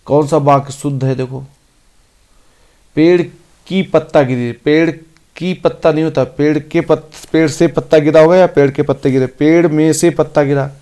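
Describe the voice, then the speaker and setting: A man teaching an exam-prep grammar lesson, reading each sentence out slowly and then explaining it briskly. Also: on the high side, fairly even intonation, mellow, clean tone. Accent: Hindi.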